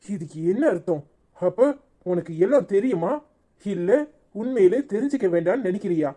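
A woman's voice: medium pitch, expressive, normal speed, mellow, lightly acted. A woman voicing an earnest, reassuring young husband in a cartoon, with a Tirunelveli Tamil accent. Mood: pressing.

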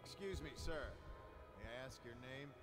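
Guy acting a stern officious video game guard officer, formal, medium pitch, music blaring. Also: expressive, normal speed, natural voice. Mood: stern, suspicious. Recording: distant game audio under loud music.

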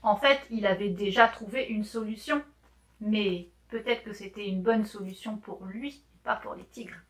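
A woman slowly reading a children's story aloud for learners, clear and deliberate with gentle expression. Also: medium pitch.

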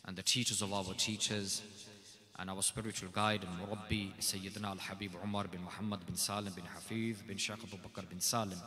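This man's voice is fairly low yet bright and forceful as he gives an emphatic devotional address at a religious gathering. He piles up short, repeated phrases before presenting the scholars, in a non-native Urdu, with long hall reverb.

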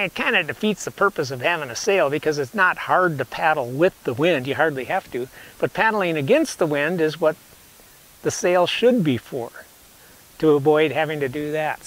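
His voice is on the high side and a bit bright, coming through poor audio. A man in his sixties, he builds canoes and is demonstrating his rig on a lawn in a relaxed, rambling, self-correcting how-to, captured by a camera mic that is sometimes far from him.

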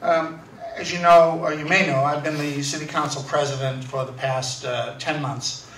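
A man who is council president, answering at a candidates' forum in a hurried manner with many fillers. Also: on the high side, level tone, a bit bright. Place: school hall, heard from afar. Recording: echoey hall, distant mic, faint noise.

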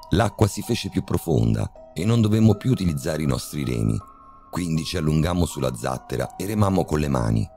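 A man with an extremely deep, gravelly voice reads a horror story in a measured, steady way. His tone is dark and mellow, with faint music behind him. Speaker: narrator. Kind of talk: scripted horror story narration.

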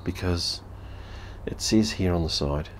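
There's a little hiss or hum as a low-pitched male voice talks at a measured pace. It belongs to a blunt, foul-mouthed New Zealander in his fifties who reviews beer casually on camera at home, TV behind him, and tends to repeat himself.

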